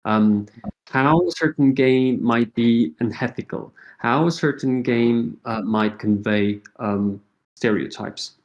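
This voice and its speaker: A middle-aged associate professor, a native Portuguese speaker with a Portuguese accent, answers interview questions as a guest, thoughtfully and with many fillers and restarts. His medium-pitched voice goes slowly, and the recording is rough.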